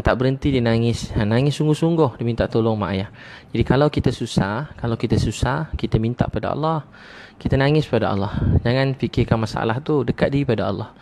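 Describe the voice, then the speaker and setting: A man's voice: mid-range voice, a little mellow. A middle-aged man preaching a sermon, who repeats his points, asks rhetorical questions and drops frequent "ha" interjections.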